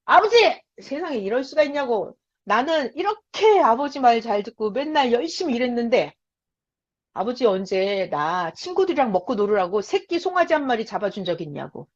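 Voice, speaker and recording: A woman's voice: a little high, sing-song, moderate pace, a little mellow. A woman voicing a resentful grown elder son who complains and accuses in a retold story, on a lo-fi recording. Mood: indignant. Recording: lo-fi dull recording.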